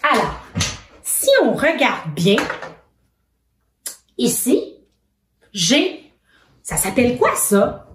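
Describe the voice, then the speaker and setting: A patient, encouraging educator of young children speaks with a Québécois French accent and asks many questions. Her fairly high voice is sing-song, drawing out words and pausing often, picked up by a distant mic in an echoing room with slight hiss or hum.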